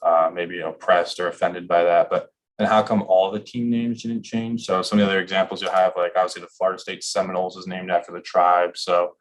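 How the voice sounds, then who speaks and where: A man's voice: deep voice, flat delivery, fairly quick, hardly any pauses. A man talking casually in a discussion, easygoing, with lots of "like" and "um" fillers. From Ireland.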